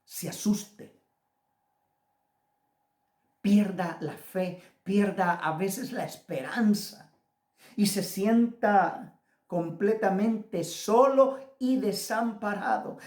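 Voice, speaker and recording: Male pastor, Guatemalan accent, slow and deliberate sermon delivery that speaks straight to the listener, recorded in an echoey room. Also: high-pitched, a little mellow. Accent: Guatemalan Spanish. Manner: deliberate, addresses listener directly. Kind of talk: devotional sermon.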